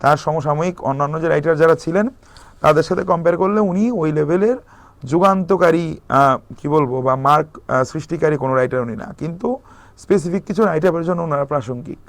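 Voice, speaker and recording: A young man gives a recorded exam-prep lecture, talking fast and explaining things over and over. He slips English terms into his sentences and stops on fillers as he thinks. His voice sits a little high and the sound is dry and close. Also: no room sound.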